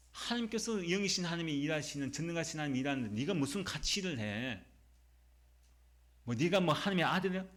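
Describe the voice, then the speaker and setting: A man's voice: fairly high pitch, fairly bright tone. A male pastor acting out an indignant crowd that scornfully questions a carpenter's son.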